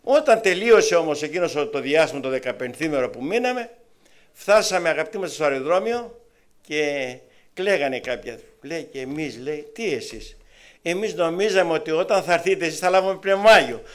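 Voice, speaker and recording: A man from Greece preaching and telling testimony stories, with lively storytelling that swings between loud and soft. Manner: animated storytelling with wide swings in pitch and loudness. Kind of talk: testimony sermon.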